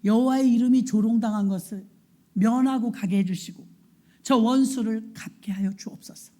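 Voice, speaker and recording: A woman voicing Samson as a blind, captive strongman who prays and pleads in a low, hushed voice. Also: moderate pace, lightly acted. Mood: pleading prayer.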